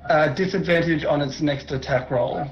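A man talking casually as a tabletop game player, a little halting as he works out his moves. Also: on the high side, steady tone. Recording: dull lo-fi audio. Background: music.

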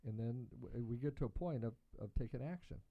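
A man co-hosting a talk show, easygoing and measured in his chat. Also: medium pitch, phone-quality sound. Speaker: co-host. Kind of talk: casual studio chat.

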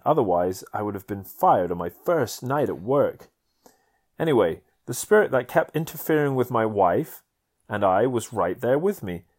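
A man's voice: mid-range voice, darkish tone. A man from Canada reading a chapter of his memoir aloud, earnest and testimonial. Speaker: narrator.

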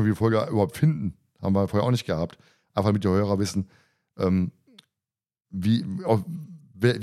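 A man with a fairly low, mellow voice hosts and moderates a podcast, chatting casually with his co-hosts in an informal, colloquial and mildly crude way.

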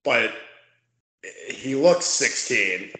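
A man hosting a casual hockey podcast, relaxed as he steers the talk and speculates on trades. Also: mid-range voice, drawn-out words. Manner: relaxed, leads the discussion, speculative. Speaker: podcast host. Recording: roomy echo.

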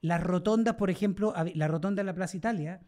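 A man with a Chilean accent in a casual chat, telling stories with lively energy and acting out the voices of the people he quotes. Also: high voice, quick pace. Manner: animated storyteller, acts out quoted voices.

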